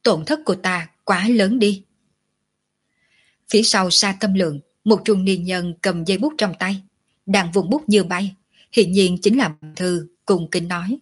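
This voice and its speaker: A woman narrating a martial arts novel audiobook in a steady storytelling manner. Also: medium pitch, measured pace, slightly rough.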